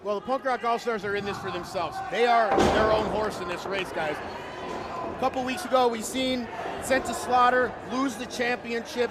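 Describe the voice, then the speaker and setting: A man's voice: extremely high pitch, very noisy. A man doing live wrestling commentary as a commentator, setting up and analysing the match. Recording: loud crowd and music behind.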